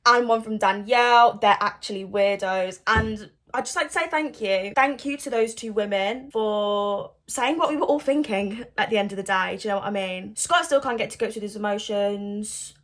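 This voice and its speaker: A young woman doing casual reaction commentary on a reality show, expressive and sassy, often exclaiming in disbelief. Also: mid-range voice, normal speed, hardly any pauses. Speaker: reality TV recapper.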